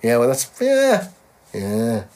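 A middle-aged touring musician in casual chat, swearing freely and acting out quoted lines in a raised voice. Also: male voice, mid-range voice, huge pitch swings, slow pace, a little mellow, a little hiss or hum. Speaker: touring musician, podcast host.

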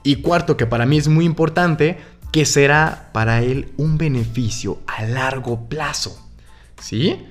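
A man's voice: medium pitch, unhurried, faint music behind. A man with a Mexican Spanish accent hosting a podcast, coaching on sales in a casual, joking, chummy monologue.

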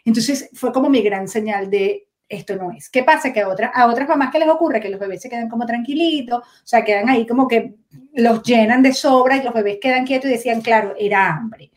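A woman with a Venezuelan accent telling her breastfeeding story in an interview, animated and laughing often, acting out the dialogue she quotes. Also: a little high, fast talker. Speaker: guest, breastfeeding promoter.

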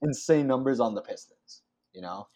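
A young man hosting a casual sports talk podcast, animated and slangy, talking in restarts. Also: medium pitch, normal speed. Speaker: podcast host.

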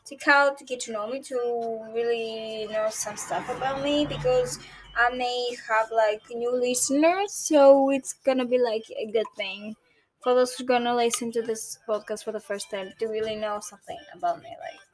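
Chatting from her bedroom, an early-twenties woman from Greece hosts a casual solo podcast, rambling and hesitating in her Greek accent. Her voice is on the high side, with fairly even intonation at a normal speed. The low-quality recording carries chill R&B background music.

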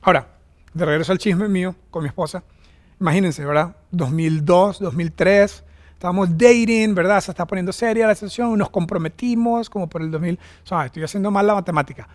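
A man's voice: sits high, a little fast. A man in his forties from Venezuela, a pastor preaching a sermon in a chatty, joking storytelling way.

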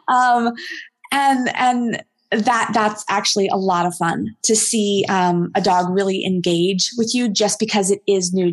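Casting: chatty woman dog trainer, slightly high voice, rambling and casual. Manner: chatty, rambling with many ums and restarts. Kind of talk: casual interview chat.

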